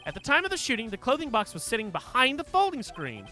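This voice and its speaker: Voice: mid-range voice, wildly swooping pitch, quick pace, pushed and bright, faint music behind. A game streamer voicing an earnest, insistent young male defense lawyer pressing his case in a courtroom video game. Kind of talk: video game dialogue read aloud.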